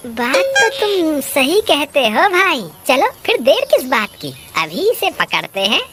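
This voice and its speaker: A woman's voice: high-pitched, very animated, measured pace, noisy background. A woman voicing a panicky, bossy village trickster man in a cartoon, who wails and whines. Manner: whiny, panicky wailing. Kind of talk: Hindi cartoon voice acting.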